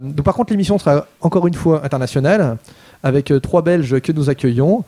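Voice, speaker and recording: A man's voice: fairly high pitch, a little fast, warm tone. A man hosting a casual radio chat show and introducing his guests. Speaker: host.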